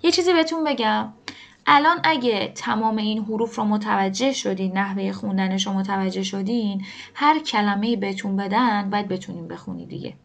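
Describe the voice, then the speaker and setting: A woman teaching a language lesson, explaining pronunciation to learners and slowly repeating example words. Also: mid-range voice, vocal fry. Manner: slow drawn-out repetition of example words.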